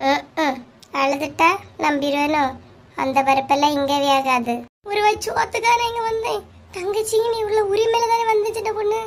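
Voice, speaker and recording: Cartoon comedy: woman playing squeaky, nagging village neighbor women, Kanyakumari Tamil accent, scolding banter. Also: level tone, normal speed, slight background noise. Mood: bickering. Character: bickering, sharp-tongued village women neighbors.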